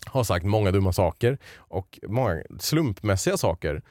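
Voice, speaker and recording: A man's voice: fairly low pitch, lively intonation, a little mellow, dry recording, clean studio sound. A young man co-hosting a Swedish podcast, chatting casually and loosely with lots of fillers. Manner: loose, filler-heavy, joking. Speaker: podcast co-host running a segment.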